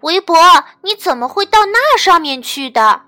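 A playful female elephant from a storybook who teases her friends and tells them what to do, as a woman reads her aloud. The voice is high and bright, bouncing widely up and down, and a soft backing of music plays faintly behind it. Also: sing-song, moderate pace, heavily acted. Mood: calling. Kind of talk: storybook reading.

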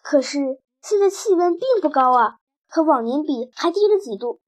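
High-voiced woman reading a children's story. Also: moderate pace. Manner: expressive first-person storytelling. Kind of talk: children's audiobook narration.

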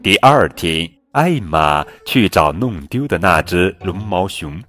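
A man reading a children's picture book aloud in a slow, expressive storytelling voice. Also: low voice. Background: soft background music.

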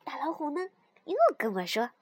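A woman telling a children's story in the first person, in an expressive, sighing way. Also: high-pitched, moderate pace, no echo.

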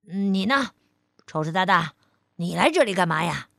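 A woman voicing a big male tyrannosaurus in a children's storybook, slow and hesitant, gruff but softening. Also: fairly low pitch, expressive, dry recording, clean studio sound. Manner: slow, hesitant with ums and pauses.

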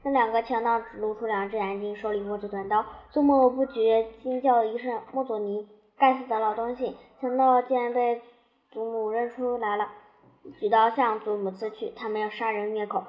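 A woman storyteller narrating a storybook in a calm, even reading voice, on a dull lo-fi recording. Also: on the high side, moderate pace.

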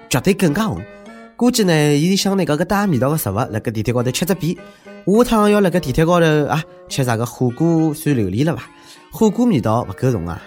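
A male host with a clear Shanghai accent delivers humorous news commentary. His pitch swings in an animated way as he mocks and needles in a conversational tone. Music plays behind his voice. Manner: sarcastic, mocking, conversational delivery.

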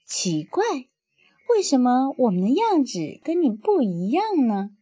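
A woman voicing a group of eager little tadpoles, with high, pleading calls in a bedtime storybook. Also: sing-song, measured pace, warm tone, breathy edge, heavily acted. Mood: curious. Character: chorus of little tadpoles, eager young children.

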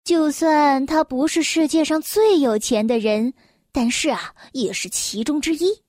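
High sing-songy woman reading a kids' story slow, very dry close sound. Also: dry recording. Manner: slow, lilting, expressive.

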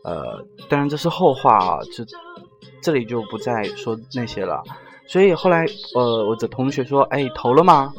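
A man's voice: medium pitch, sing-song, normal speed, over music. A man telling a personal story in a casual, sarcastic rant, mocking the people he quotes.

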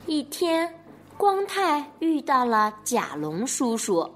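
A woman narrating a picture-book story for children in an expressive storytelling manner. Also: sits high, slow, soft background music.

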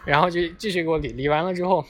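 A man's voice: a little high, very fast, fairly bright tone. A young man casually telling a funny story, chatty and self-mocking, talking outdoors near traffic. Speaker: vlogger. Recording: clear street and traffic noise behind. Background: passing vehicles.

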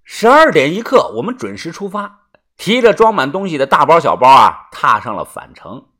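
A man narrating a first-person audiobook story in a colloquial way, filling pauses with drawn-out particles. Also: fairly high pitch, very animated, pushed and bright.

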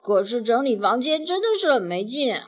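A woman doing a shouting young boy. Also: fairly high pitch, very animated, a little fast. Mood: offhand. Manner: shouting, offhand. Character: lively, loud young boy.

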